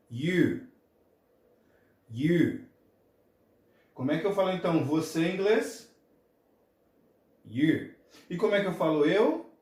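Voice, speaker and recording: A man's voice: high voice, darkish tone. A man teaching a classroom lesson, leading repeat-after-me drills. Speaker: English teacher. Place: classroom with a board. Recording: echoey room.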